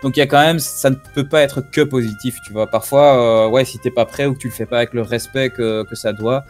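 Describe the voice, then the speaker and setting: A man's voice: medium pitch, steady tone, fairly quick, darkish tone, faint music behind. Rambling man chatting on a call. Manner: rambling, lots of fillers and "tu vois". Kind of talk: casual group discussion over a call. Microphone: computer on a call.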